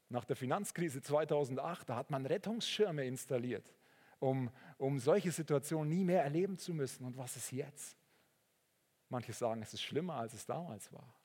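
Guy giving a sermon, kinda husky, big echoey hall, earnest. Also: mid-range voice. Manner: earnest, rising to excited storytelling. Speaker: preacher. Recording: long reverb of a large hall.

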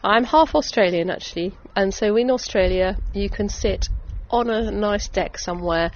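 A middle-aged vineyard owner from Essex, England, with a southern English accent, chats enthusiastically in a casual interview. Her mid-range voice moves at a moderate pace, and the recording is dull and lo-fi with background noise.

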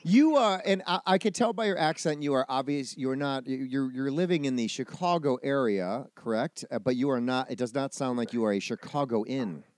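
A man with a medium-pitched voice hosts a casual podcast chat. He teases and jokes as he asks his questions, recorded very dry with no room sound. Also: expressive, a little fast, hardly any pauses, a little mellow, no room sound. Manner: joking, teasing. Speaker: podcast host.

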